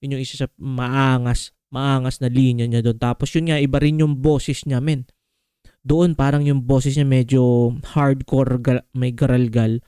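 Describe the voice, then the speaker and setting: Casual guy reacting to a song, smooth clear voice, dry close sound, loose slangy chatter. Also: medium pitch, flat delivery, measured pace, mellow, no echo. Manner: slangy, peppers talk with "men" and fillers. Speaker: music reaction video host.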